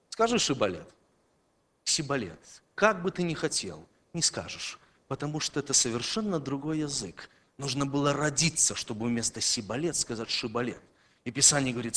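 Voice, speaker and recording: Preaching emphatically to his congregation, a man alternates booming declarations with hushed, low stretches. His loudness keeps climbing and falling.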